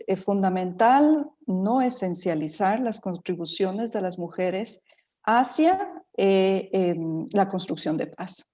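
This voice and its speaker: A woman's voice: mid-range voice, warm tone. A middle-aged woman from Ecuador speaking as a panelist in an online talk, thoughtful, with many fillers and restarts.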